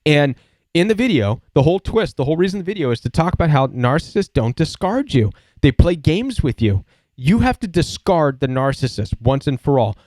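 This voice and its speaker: A man's voice: a little high, big pitch swings, a little fast, darkish tone, no room sound, clean studio sound. A man hosting a live support show, answering viewer questions in an earnest, emphatic way and repeating his key points.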